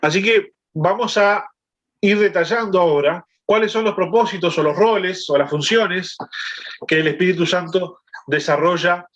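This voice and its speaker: A man's voice: high-pitched, moderate pace, a bit bright, highs cut off. A man leading a Bible lesson over a video call, explaining and often checking in with his listeners. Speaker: Bible study teacher.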